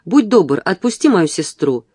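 A reader voicing a proper, indignant gentleman who speaks stiffly and formally. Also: medium pitch, very animated, measured pace, no room sound, clean studio sound.

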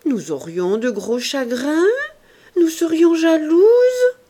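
A woman reading aloud voices a mocking young man of twenty, teasing and calmly ironic. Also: high-pitched, slow, voice pushed up.

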